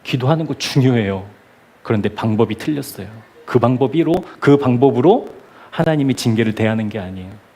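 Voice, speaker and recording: A man preaching in a church. He tells a story in lively bursts and slips into voices as he quotes people. His pitch sits in a middling range. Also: fairly quick. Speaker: pastor. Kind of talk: sermon.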